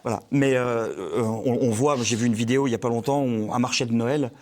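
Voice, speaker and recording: A man, a film director being interviewed on a talk show, speaking haltingly with many restarts and repeated words. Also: medium pitch, fairly even intonation, darkish tone.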